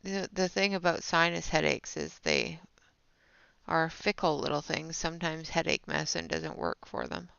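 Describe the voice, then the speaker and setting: Sitting low with vocal fry, her expressive, smooth and slightly bright voice moves at a moderate pace as she chats with viewers and works through a live coloring tutorial. She's stuffy and sniffly with a sinus infection, and the dry lo-fi audio is dull.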